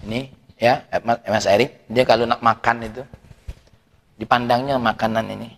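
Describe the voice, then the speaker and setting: A man's voice: medium pitch, normal speed, big-room sound. A man preaching a sermon in a mosque, joking and asking rhetorical questions while his voice rises and falls. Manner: lively, jokes and rhetorical questions, voice rising and falling. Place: mosque hall.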